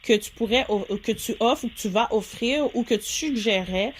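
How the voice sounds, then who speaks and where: A woman's voice: fairly high pitch, moderate pace, slight background noise. A woman, hosting an interview and asking long, hesitant questions. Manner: hesitant questions with many "euh" fillers. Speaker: host. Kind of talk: casual interview.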